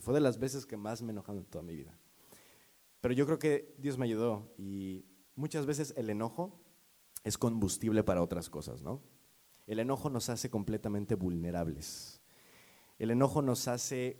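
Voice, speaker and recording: A man's voice: fairly low pitch, warm tone. A man preaching a sermon as a pastor, talking to the congregation in a conversational, storytelling way.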